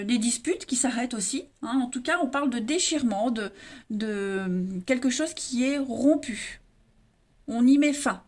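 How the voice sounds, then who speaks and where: A woman's voice: sits high, a little mellow. A woman giving a casual tarot reading to her viewers, chatty and full of fillers and restarts, calling them her friends. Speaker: tarot reader.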